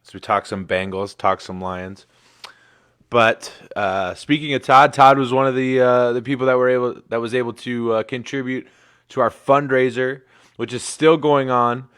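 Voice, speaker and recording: A man's voice: mid-range voice, steady tone, normal speed, a bit bright, clear, resonant tone, dry recording, clean studio sound. A man in his thirties hosting a casual livestream sports show, laid-back and rambling with plenty of fillers. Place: home in Michigan.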